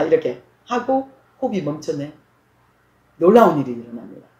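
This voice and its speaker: Woman preacher, testimony sermon, dramatic and animated storyteller, roomy hall sound. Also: lowish voice. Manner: dramatic storytelling, acting out quoted voices.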